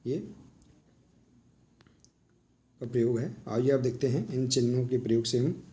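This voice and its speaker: A man's voice: mid-range voice, a little slow, warm tone. A man teaching a workbook lesson, patiently walking through examples and often telling the listener to look. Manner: explains patiently, often saying "देखिए" while pointing to examples.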